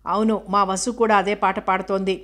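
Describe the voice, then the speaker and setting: A woman narrator gives voice to a composed, measured aunt in a spoken novel. The delivery is level and flat, barely moving in pitch. The pitch sits in the middle. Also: close to an everyday voice. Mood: calm.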